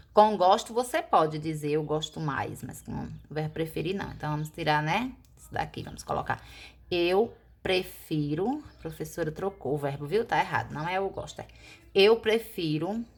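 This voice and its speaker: A woman teacher, explaining a grammar lesson slowly and deliberately, asking questions and answering them herself. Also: low-pitched. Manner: slow, deliberate explaining, stretching key words; asks and answers her own questions.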